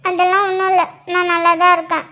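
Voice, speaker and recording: A woman's voice: very high voice, completely flat delivery, quick pace, sharp tone. A woman voicing a tearful young pregnant wife in a cartoon, pleading with her injured husband. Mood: emotional. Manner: pleading, emotional. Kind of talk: cartoon voice acting.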